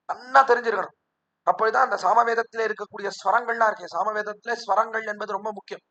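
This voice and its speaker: High, bright-voiced man giving a devotional discourse. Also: highs cut off. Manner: storytelling, acts out characters' speech. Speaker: religious discourse speaker.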